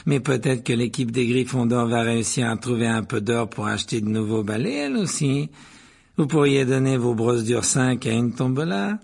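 A man's voice: medium pitch, animated, moderate pace, gravelly, a little mellow, breathy edge. A man voicing a haughty, sneering teenage boy wizard who drawls his mockery. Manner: drawling, mocking.

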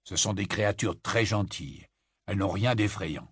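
A steady, gentle father in an audiobook, dropping low and soft with a husky edge, as a man voices him. The sound is close and dry. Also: normal speed, dry recording. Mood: reassuring. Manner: gentle, firm, reassuring. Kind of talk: audiobook character voice.

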